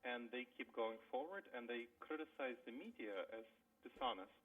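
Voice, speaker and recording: A man, a guest expert on a radio interview, explaining his points step by step in a measured way. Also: mid-range voice. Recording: tinny phone line, distant.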